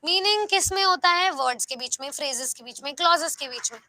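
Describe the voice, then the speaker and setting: A young woman teaching an online exam-prep class in a lively, coaxing way, often asking her students rhetorical questions. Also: high voice, fast, no echo. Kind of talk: live online class, Hindi mixed with English.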